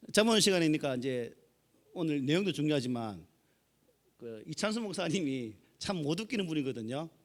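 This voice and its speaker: Folksy Gyeongsang pastor, lively pitch. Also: male voice. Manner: folksy, joking with the congregation. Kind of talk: sermon.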